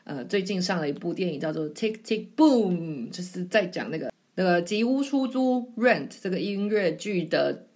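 A woman's voice: on the low side, expressive, normal speed, few pauses, darkish tone. A woman, chatting on her own podcast in a rambling, self-mocking way. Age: 20s. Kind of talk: casual solo storytelling.

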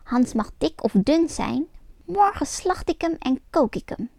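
Wicked old storybook witch, shrill and high, sly and mocking, put on by a woman narrator. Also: lively intonation, measured pace, vocal fry, darkish tone, no echo, full character voice. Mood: bossy. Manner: sly and mocking, barking orders. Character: wicked old witch, cackling, greedy and scheming.

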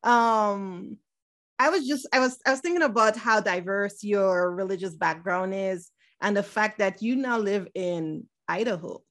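With an unhurried, mid-range voice that's a bit bright, a woman hosts a podcast and interviews her guest. She's effusive and gushing in her welcome, filling gaps with plenty of "um" and "so."

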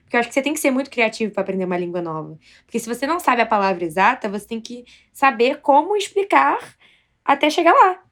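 A woman's voice: a little high, sing-song, fast talker, a bit bright. A Brazilian woman co-hosting a casual podcast, telling stories in a bold, self-mocking way. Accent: Brazilian Portuguese. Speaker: podcast co-host.

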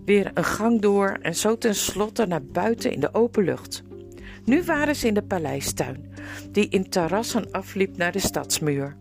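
A woman's voice: medium pitch, darkish tone. A woman reading a children's storybook aloud, telling the story expressively. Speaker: reader.

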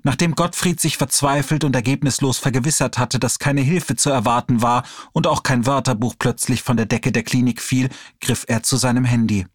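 A man reading an audiobook chapter aloud in a steady storytelling delivery. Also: medium pitch, moderate pace, hardly any pauses, no room sound, studio quality. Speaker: audiobook reader. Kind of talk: audiobook narration.

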